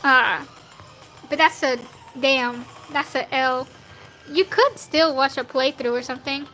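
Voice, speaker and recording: A nineteen-year-old woman streams herself drawing fan art live, chatting casually in a rambling, slangy, self-deprecating way. Her voice is high, youthful, and sounds younger than her age, with an unhurried, pushed, bright delivery. Faint music plays behind her, and the recording is rough.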